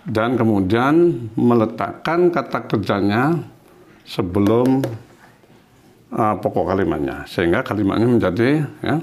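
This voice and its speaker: A man teaching a beginner language lesson, patiently repeating example sentences slowly. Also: on the low side, lively intonation, darkish tone, slight background noise.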